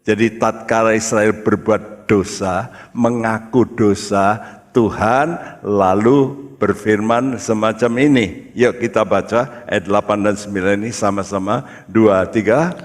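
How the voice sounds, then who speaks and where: A man preaching a sermon as pastor, speaking to the congregation in an emphatic, deliberate way. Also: on the low side. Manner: addresses the congregation as brothers, slow and emphatic. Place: church hall. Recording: church hall with long reverb.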